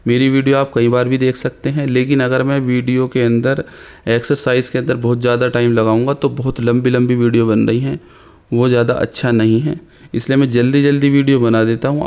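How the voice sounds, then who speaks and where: A man teaching an Arabic grammar lesson, reading examples slowly and explaining them quickly. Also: mid-range voice, darkish tone, clear, resonant tone. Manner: slow deliberate reading of examples, rapid explanations between. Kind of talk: recorded language lesson.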